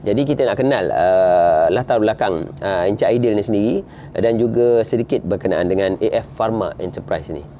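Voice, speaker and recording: A man hosting a podcast interview, chatty, humming along and filling pauses with "uh". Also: fairly low pitch, warm tone, slight background noise. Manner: chatty, lots of hums and fillers. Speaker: podcast host. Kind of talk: casual interview chat.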